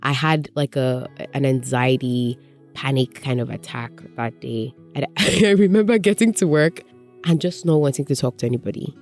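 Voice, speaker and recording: A woman with a low voice speaks candidly as a radio presenter and voiceover artist. She tells personal stories and acts out the remarks people made to her. Soft guitar music plays faintly behind her. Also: moderate pace. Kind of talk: reflective personal talk.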